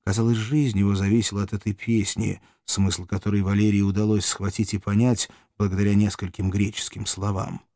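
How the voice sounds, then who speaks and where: A man narrating a historical novel as an audiobook, reading in a slow, solemn, measured way. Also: fairly low pitch, flat delivery, mellow, dry recording, clean studio sound.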